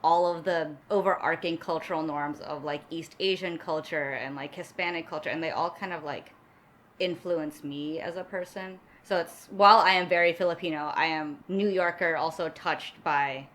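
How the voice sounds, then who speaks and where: Animated low-voiced woman from New York. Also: normal speed, a little hiss or hum. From New York City. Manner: animated, acts out quotes in a high voice, laughs often. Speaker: guest. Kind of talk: casual chat.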